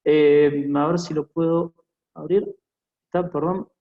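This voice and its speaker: A man's voice: a little high, steady tone, takes it slowly, roomy sound, narrow, tinny audio. A man teaching a basketball coaching clinic in a hesitant lecture style, full of fillers and restarts, often checking in with "¿no?". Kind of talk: online lecture with screen sharing.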